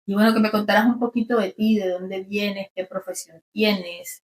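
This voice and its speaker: A woman's voice: mid-range voice, steady tone, normal speed. A woman hosting an interview, asking questions in a friendly, encouraging way. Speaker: interviewer, channel host. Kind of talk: casual interview.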